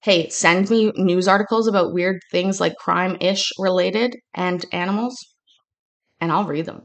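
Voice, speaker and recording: A woman's voice: on the low side, unhurried. A woman hosting a casual home stream from her kitchen, reading news aloud and then chatting in a rambling, chatty way. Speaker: channel host.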